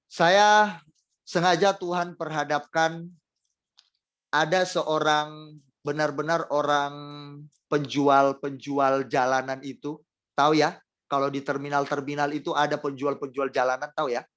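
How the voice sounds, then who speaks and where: A man preaching a sermon, speaking straight to the congregation and repeating phrases for emphasis, with emotional swings between loud and soft delivery. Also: on the high side, flat delivery, unhurried, pauses often.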